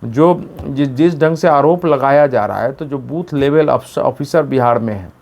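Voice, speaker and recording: A man's voice: a little slow, vocal fry, darkish tone. Middle-aged guy, senior journalist doing a political commentary, emphatic, keeps restarting words. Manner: emphatic, mimics slogans with rising pitch; frequent self-corrections mid-word.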